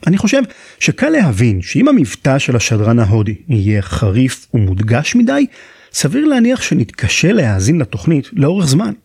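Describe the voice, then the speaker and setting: Israeli man narrating, slightly husky, lively intonation. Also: medium pitch, no room sound, clean studio sound. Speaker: podcast host. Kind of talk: scripted narration.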